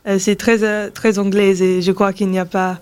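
A seventeen-year-old girl from England speaking halting, hesitant French with an English accent and many fillers, as a radio interview guest. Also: medium pitch, level tone, darkish tone, smooth. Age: teens.

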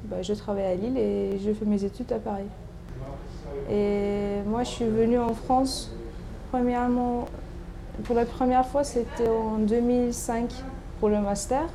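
Over crowd and background noise in a rough recording, a Turkish doctoral student in her thirties, a native speaker, answers interview questions in a casual, faltering way with many fillers and restarts. Her voice is a little high and gravelly, with a steady tone and a slightly slow pace.

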